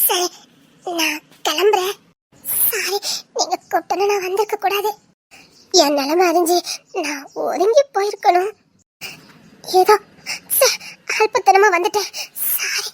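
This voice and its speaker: A woman's voice: extremely high pitch, a little slow, long pauses. An actress playing a young wife who is ashamed and leaving. She speaks through tears, broken and half-laughing as she sobs. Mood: tearful. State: crying.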